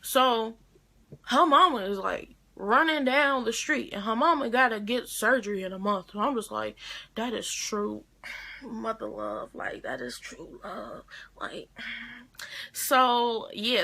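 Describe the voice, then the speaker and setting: A woman's voice: on the high side, normal speed, bright, forceful tone. A teenage girl, retelling a story to her camera in a rambling, chatty way full of restarts. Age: teens. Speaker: vlogger.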